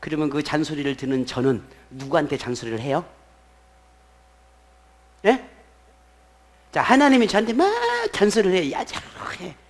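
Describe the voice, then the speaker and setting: A man with a fairly high voice preaching a sermon in a church. He talks in an animated way, jumping from loud, punchy lines to quiet asides, and he keeps asking his listeners questions before he answers them himself. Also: normal speed, long pauses. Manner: animated, swinging between loud bursts and soft asides; asks the congregation rhetorical questions and answers himself. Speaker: pastor.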